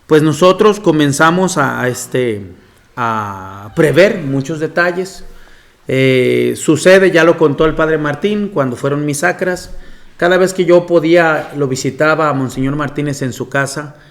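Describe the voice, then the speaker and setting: A man's voice: on the high side, measured pace. A man, a monsignor telling anecdotes in a lecture and often laughing. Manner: storytelling with frequent laughter.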